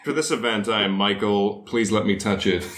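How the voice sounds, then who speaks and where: A man's voice: lowish voice, normal speed, a bit bright. A man appearing as a guest on a podcast, easygoing and joking in casual chat. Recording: roomy echo, faint noise.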